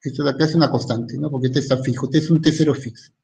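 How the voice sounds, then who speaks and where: A man's voice: medium pitch, fairly even intonation, rapid-fire, creaky, warm tone. A man teaching a recorded university math lecture in in, thinking aloud and often stopping to ask "¿no?".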